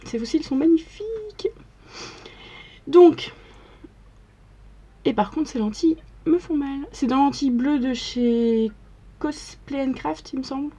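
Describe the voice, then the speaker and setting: A woman's voice: high-pitched, expressive, moderate pace, dark tone. A young woman chatting casually through a makeup tutorial, narrating each step as she works in front of the camera. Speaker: makeup vlogger.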